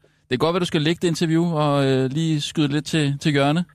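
A man's voice: a little high, steady tone, no echo. A man hosting a comic radio show, reacting with disbelief and firing off short, pressing questions. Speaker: host.

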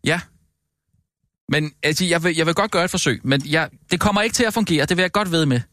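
A man in an improvised comedy sketch, flustered and placating as he tries to calm a row. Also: on the high side, no echo, studio quality.

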